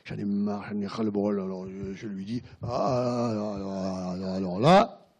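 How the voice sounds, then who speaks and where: A worried middle-aged wife pours out her troubles, halting and repeating herself, as a man tells it in her voice. The delivery is low, gravelly and dark, with a husky edge. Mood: confiding.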